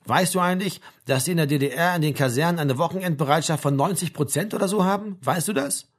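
A man's voice: on the high side, fast, lightly acted. A man reading an audiobook, voicing a cocky, provocative young man who needles and argues. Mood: provoking. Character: brash, provocative young man, stubborn and mouthy.

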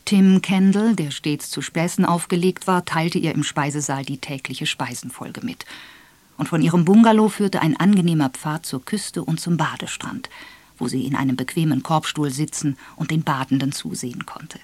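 An audiobook narrator reading a mystery novel in a measured, expressive storytelling manner. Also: mid-range voice, dry recording. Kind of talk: scripted narration.

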